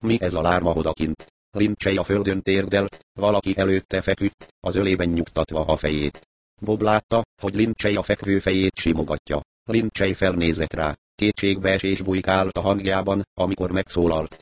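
A man narrates an audiobook with a very low, deep voice. His reading is steady and even. The sound is close and dry, with no room around it. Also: no echo. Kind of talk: scripted narration.

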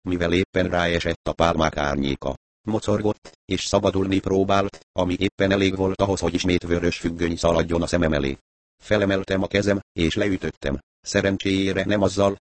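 A man reading a first-person novel aloud in a steady, measured storytelling manner. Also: sits low, dry recording. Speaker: audiobook narrator.

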